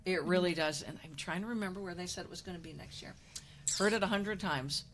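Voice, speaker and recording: A woman's voice: on the low side, fast, slight background noise. Chatty woman host in her fifties. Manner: rambling, chatty storyteller with frequent restarts. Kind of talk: casual sports talk show chat.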